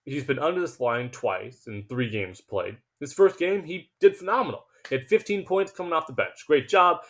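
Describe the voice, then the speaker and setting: In a fairly high voice at normal speed, a man hosts a laid-back sports betting picks video. His delivery is emphatic and self-assured, broken now and then by stumbles and restarts when his excitement rises.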